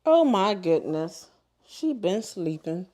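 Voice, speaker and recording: A woman hosting a livestream in casual chat, an animated storyteller who laughs a lot. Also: mid-range voice, slow, a crowd in the background. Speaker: livestream host.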